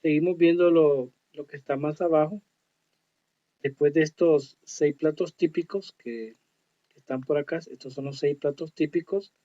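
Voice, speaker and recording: A man teaching an online English lesson, explaining slowly and reading English words with care. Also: fairly high pitch, steady tone, mellow. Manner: slow, explanatory, reads English words carefully. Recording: dull lo-fi audio.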